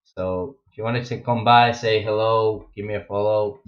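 Through a wireless headset, with echoey, dull lo-fi home-mic sound, a young Russian-born streamer chats casually in his gaming room. He has a Russian accent and a voice on the low side, speaking at normal speed with fairly even intonation while rambling through many fillers and restarts.

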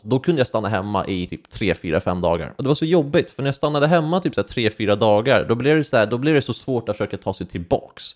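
A young man, telling a personal story to camera in slangy, casual talk full of fillers and restarts. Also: medium pitch. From Sweden. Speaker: vlogger.

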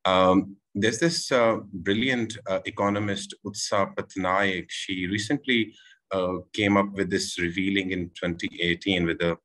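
A man in his forties from Pakistan, giving a measured panel talk over a video call, with many pauses and restarts. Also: sits low, steady tone, fairly bright tone, poor audio. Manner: measured, with frequent filler "uh" and restarts. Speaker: panel speaker. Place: room at home with window. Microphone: video call, laptop camera.

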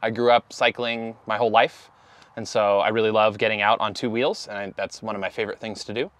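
A man in his thirties who founded a van company speaks casually to the camera in an interview, using easy fillers, from inside a camper van and outdoors beside it. His voice sits on the low side with fairly even intonation, a little fast and a bit bright, with no echo.

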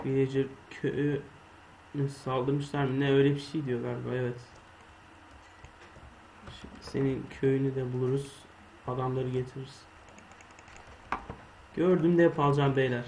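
A young man talks casually over his own gameplay, muttering to himself and swearing or shouting when something startles him. His voice is mid-range, and the poor audio has faint background noise.

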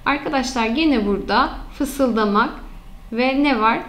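A woman teacher explaining sentence errors to students, asking them questions and then answering them herself, and slowing down to stress key terms. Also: a little high, fairly bright tone. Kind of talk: online grammar lesson.

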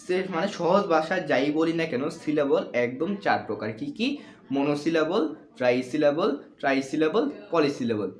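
A man's voice: on the high side, lively intonation, moderate pace. A man teaching a lesson, asking his own questions and answering them, often checking that the listener is following. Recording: echoey room, faint noise.

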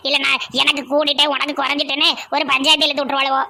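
A woman's voice: sits high, flat delivery, gravelly, bright, forceful tone, a little hiss or hum, heavily acted. A woman voicing a chatty, generous middle-aged village aunt with a Tirunelveli Tamil accent. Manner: gossipy, fast chatter.

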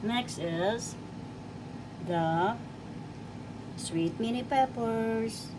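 A woman's voice: on the high side, very slow. An older woman from the Philippines, cheerfully talking through a home cooking demonstration and listing each ingredient. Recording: home recording with audible background noise.

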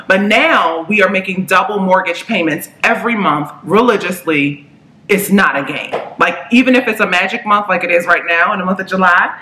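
Bright-voiced chatty woman vlogger. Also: mid-range voice, reverberant, low-quality recording. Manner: chatty, upbeat, slangy asides. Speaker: personal finance vlogger. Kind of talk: casual chat to camera.

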